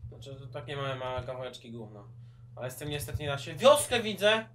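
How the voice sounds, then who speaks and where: A young man casually commentating a Minecraft game with friends, loud and swearing, shouting at the game. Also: medium pitch, steady tone, fast talker, background noise. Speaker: gaming channel host.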